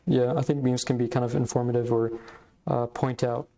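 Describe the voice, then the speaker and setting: A man's voice: medium pitch, level tone, fairly quick, creaky, dark tone. A man hosting a podcast, giving casual, reflective commentary in hesitant, meandering phrasing. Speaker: podcast host.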